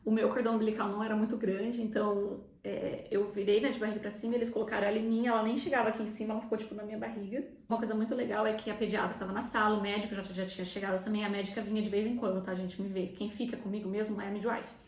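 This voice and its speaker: A woman's voice: mid-range voice, flat delivery, a little mellow, roomy sound. A young Brazilian woman with a Brazilian Portuguese accent telling viewers a personal story in a chatty vlog style, emotional and close to tears. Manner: chatty, fast, often addresses viewers directly. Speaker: vlogger recounting her birth.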